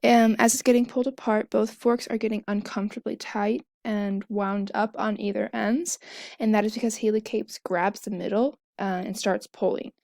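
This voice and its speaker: A woman's voice: medium pitch, fairly even intonation, moderate pace, gravelly, a little mellow, dry recording, clean studio sound. A young woman talking casually, explaining a topic step by step while she draws, often correcting herself mid-sentence. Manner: chatty, self-correcting, fillers and asides.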